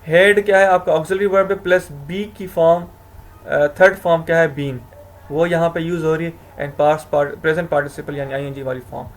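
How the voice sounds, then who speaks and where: A man's voice: fairly high pitch, steady tone, moderate pace. A man giving a recorded grammar lecture, explaining step by step, often asking himself questions and correcting himself. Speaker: English grammar teacher.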